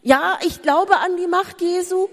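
Woman giving a sermon, super slow, lots of emotional questions, big echoey hall. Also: very high-pitched. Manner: emotional, rhetorical questions, swings between urgent pleading and soft calm. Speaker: preacher. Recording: reverberant hall.

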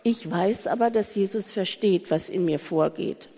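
A woman preaching a sermon, full of rhetorical questions and swinging between urgent pleading and soft calm. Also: mid-range voice, moderate pace. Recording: reverberant hall.

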